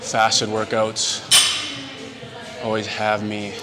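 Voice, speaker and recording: His voice on the low side and his delivery extremely slow, a man recovering from surgery vlogs indoors at the gym. Winded between sets, he chats to himself in a relaxed way about his lifts, with loud gym music in the background.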